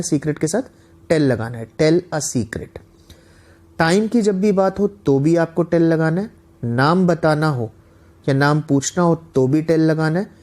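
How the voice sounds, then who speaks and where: A male teacher giving an online lecture, reading example sentences slowly and often asking the class "got the point?". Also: on the high side, mellow. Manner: reads English examples slowly and deliberately, often asks "guys, got the point?". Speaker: English teacher.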